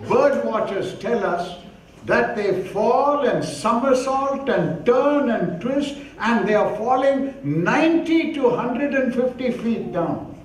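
High-voiced, slow-preaching man in an echoing hall. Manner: animated storytelling with repeated exclamations. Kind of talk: sermon. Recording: distant mic in a reverberant hall.

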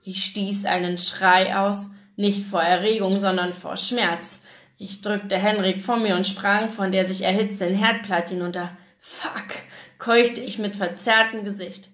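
A woman's voice: mid-range voice, fairly even intonation, a little slow, a bit bright. A woman with a German accent giving a live reading of a romance novel, narrating in first person and acting out the dialogue. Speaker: reader of a novel. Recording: echoey room.

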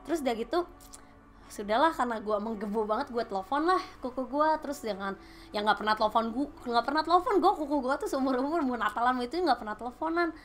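A woman in her late twenties with a Sundanese-tinged Indonesian accent tells her story as a podcast guest, lively and chatty, slipping in English phrases. Her voice sits a little high, with faint music underneath. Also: quick pace. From Bandung, Indonesia. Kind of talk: casual storytelling chat.

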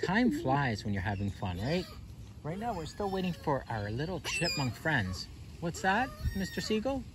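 A man's voice: on the high side, big pitch swings, normal speed. A man hosting a children's counting game outdoors, talking playfully to small children and asking them lots of questions. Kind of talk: playful narration addressed to young children. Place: outdoors on grass in a park. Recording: outdoor ambience with birds, faint noise. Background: birds and outdoor ambience.

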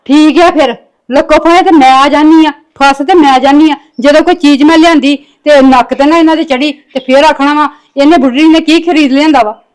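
A woman's voice: high voice, steady tone, moderate pace, lightly acted. A middle-aged woman playing a worried mother who pleads with her family to keep the peace. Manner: pleading, anxious. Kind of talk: Punjabi family drama acting.

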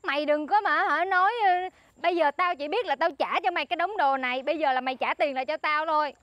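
A woman's voice: high-pitched, fast talker, a bit bright, dull audio, a little hiss or hum. An actress with a Southern Vietnamese accent playing a naive wife who complains and pleads with her friend. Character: naive, put-upon young wife. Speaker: actress in a comedy sketch.

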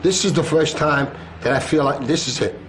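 Animated higher-voiced man recalling vividly. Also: normal speed, noisy background. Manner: vivid, animated retelling with acted-out shouts. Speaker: firefighter. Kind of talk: emotional interview recollection.

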